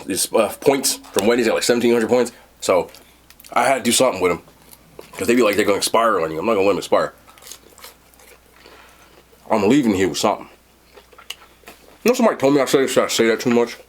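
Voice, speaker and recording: A man giving a casual, unscripted food and movie review, rambling and blunt, with slangy phrasing and casual swearing. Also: mid-range voice.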